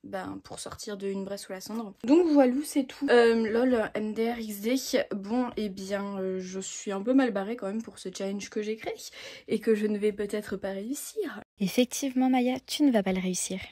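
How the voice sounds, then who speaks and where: A woman's voice: mid-range voice, normal speed, warm tone. A woman in her twenties chatting casually to her phone camera about her reading week, with many fillers and self-mocking asides. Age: 20s. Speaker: book vlogger. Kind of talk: casual vlog chat.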